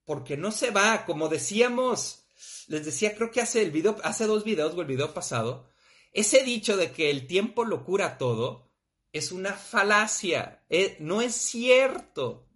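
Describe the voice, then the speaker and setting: A man's voice: high voice, unhurried. A man with a Mexican accent, talking bluntly and casually about grief, with frequent swearing. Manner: blunt, profane, animated. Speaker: podcast host.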